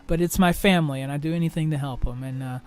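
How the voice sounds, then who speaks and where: A young man hosts his podcast alone, telling personal troubles in a halting, restart-filled monologue and swearing freely. His voice sits a little high for a man. Faint music plays underneath. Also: darkish tone, clean tone. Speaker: podcast host.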